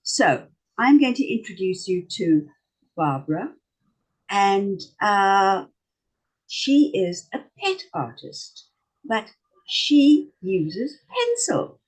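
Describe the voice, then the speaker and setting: A woman's voice: mid-range voice, big pitch swings, slow, breathy edge, poor audio. A woman with a South African accent hosting an interview over a video call and chatting as she asks questions. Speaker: host. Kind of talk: interview chat.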